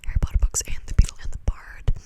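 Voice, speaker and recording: A young adult woman hosting an ASMR video whispers fast, breathy and clicky right up close to the mic. She rambles casually, repeating words and phrases.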